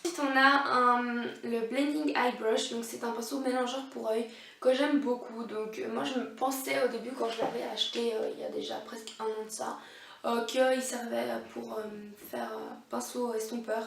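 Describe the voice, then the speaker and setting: A woman's voice: on the high side, fairly even intonation, normal speed, gravelly, fairly bright tone. A young woman reviewing makeup brushes in a casual, hesitant way, with many fillers and restarts. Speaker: beauty vlogger. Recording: echoey room, voice a bit far from mic.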